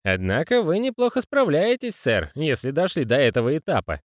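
A male reader voicing a fussy, pious old postman who speaks in a raspy, wheezy whisper and keeps saying sir. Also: fairly high pitch, wildly swooping pitch, a little fast, no room sound, studio quality, pitched above the performer's own voice. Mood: fussy, earnest. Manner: deferential, says sir constantly. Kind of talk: audiobook character voicing.

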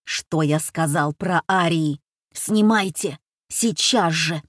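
A woman voicing Van, a tense, commanding man, with a low, hushed, urgent voice in an audiobook. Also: slow, no room sound, studio quality. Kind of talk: audiobook character voice.

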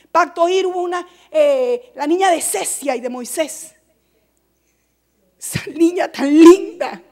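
A woman preaching a fervent sermon, with emphatic repeated phrases, who swings from soft asides to shouted exhortation. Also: very high-pitched.

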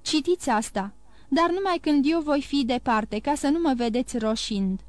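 Picture a young nobleman close to breaking, urgent and pleading, as a woman reads him aloud in a storybook. The voice sits fairly high and the recording is dry and close. He pushes his words out in a hurry. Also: expressive, a little mellow, dry recording. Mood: bitter. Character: young nobleman, distraught and hasty.

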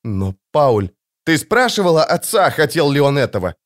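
A man voicing a calm, worried mother in an audiobook, speaking softly and soothingly. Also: on the high side, moderate pace. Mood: gentle, worried. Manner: soft, soothing. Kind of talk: audiobook character voice.

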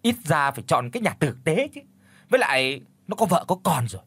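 A man voicing a harsh older village official who speaks loudly and with scorn. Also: fairly high pitch, expressive, a little slow, dry recording. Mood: scornful. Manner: loud, scornful.

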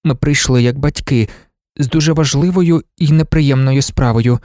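A woman's voice: rumbling low, moderate pace, warm tone, no echo, clean studio sound. A woman voicing an anxious, doting mother who frets and pleads with her daughter. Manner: fretful, pleading. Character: anxious, doting older mother, a professor's wife.

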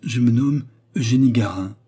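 A man reading aloud, voicing a humble, trembling poor young woman in a softly raised voice. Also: medium pitch, normal speed, breathy edge, close to an everyday voice.

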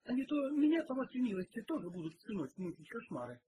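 A man's voice: high-pitched, sing-song, slow pace, darkish tone, a little hiss or hum, pitched above the performer's own voice, exaggerated voice, low-quality recording. A man reading aloud and voicing a stout, indignant middle-aged woman cook who scolds sharply. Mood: scolding.

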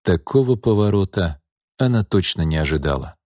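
A man narrating an audiobook in a measured, even reading voice. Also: low voice, no echo, clean studio sound. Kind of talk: scripted narration.

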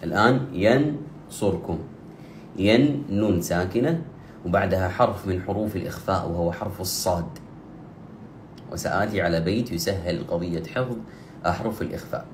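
A man teaching Quran recitation rules, explaining steadily and slowing down for drawn-out recited examples. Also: low-pitched, roomy sound, slight background noise. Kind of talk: tajweed lesson with slow demonstrations.

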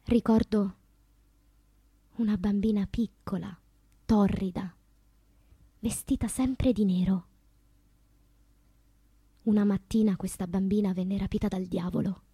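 Slow, deliberate and breathy, dropping at times to whispers, an actress voices a wounded poet in a theatrical radio monologue. The tone is warm, the mid-range pitch fairly even, the feel wistful and haunted, and there's no room sound.

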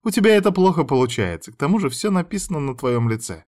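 Man playing a blonde woman, higher voice, teasing, drawling, sly. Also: big pitch swings, fast, a little mellow.

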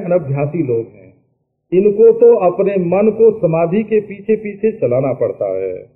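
A man with a high voice delivers an unhurried spiritual discourse, drawing out each phrase. Now and then he chants verses and drops in conversational asides. The old recording is thin and tinny, like a phone line. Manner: slow, explanatory, with chanted Sanskrit verses and asides. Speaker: spiritual teacher. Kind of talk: Vedanta discourse. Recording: tinny lo-fi archival tape.

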